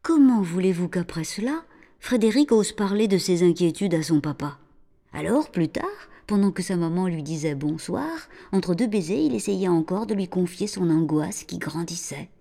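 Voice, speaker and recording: A woman narrating a children's storybook in an animated, expressive way, dropping at times into a hushed whisper. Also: fairly low pitch, moderate pace, gravelly.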